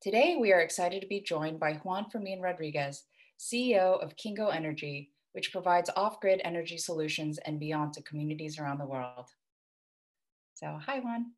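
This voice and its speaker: Measured woman hosting a video call. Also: lowish voice, lively intonation. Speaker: interview host. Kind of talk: scripted introduction then questions. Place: indoor home room.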